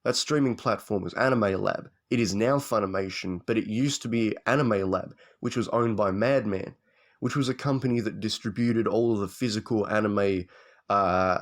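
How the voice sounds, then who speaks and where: Young man ranting with constant swearing. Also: lowish voice. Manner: swears often, animated storytelling. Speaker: vlogger. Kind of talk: profane casual rant.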